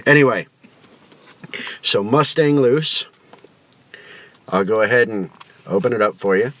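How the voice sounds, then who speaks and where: A man's voice: medium pitch, expressive, slow, long pauses, fairly bright tone. A man giving a casual product review to camera in a folksy, rambling, colloquial way.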